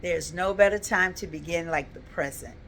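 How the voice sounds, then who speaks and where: A woman's voice: fairly low pitch, normal speed, fairly bright tone, slight background noise. A woman in her fifties, talking earnestly and reflectively in a casual personal vlog, with frequent ums and uhs. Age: 50s. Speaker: vlogger.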